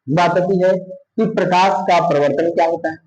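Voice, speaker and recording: A man's voice: sits high, steady tone, normal speed, darkish tone. A man with a Bihari Hindi accent teaching a science lesson, asking questions and answering them himself. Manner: repeats "thik hai" often. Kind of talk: classroom lesson. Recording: echoey room.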